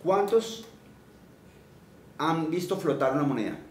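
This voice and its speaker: Male preacher, somewhat high voice, interactive teaching sermon with call-and-response, miked from a distance. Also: big pitch swings, measured pace. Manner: quizzes listeners and leads call-and-response repetition; reads scripture aloud, then explains it plainly. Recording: roomy echo, voice from a distance, faint background noise.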